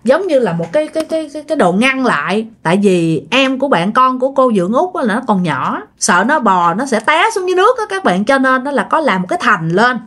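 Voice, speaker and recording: A woman with a Southern Vietnamese accent tells a ghost story in a chatty, casual way and speaks straight to her listeners. Her voice sits high and swings widely in pitch. She fills pauses often as she goes. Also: big pitch swings, a bit bright. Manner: chatty, addresses listeners, many fillers.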